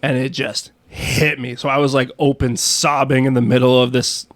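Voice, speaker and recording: Guy cohost cracking jokes, dry close mic, regular pitch. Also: level tone, normal speed, no echo. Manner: jokey, teasing. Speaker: podcast co-host. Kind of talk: casual chat.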